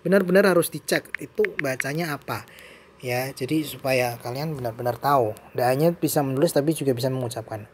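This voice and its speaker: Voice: mid-range voice, fairly quick, noisy background. An English teacher with an Indonesian accent, giving a bilingual vocabulary lesson and switching between English and Indonesian with playful asides.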